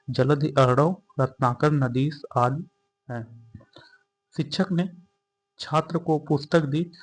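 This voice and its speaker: A young man, an exam-prep teacher, steadily explains each question and restates the correct answer. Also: medium pitch.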